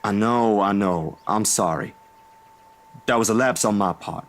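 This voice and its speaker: A man voicing a drowsy young man woken too early, talking in a plain, rough everyday way. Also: fairly low pitch, unhurried. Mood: earnest. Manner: drowsy, grumbling, then earnest. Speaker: character dialogue in a visual novel voice dub.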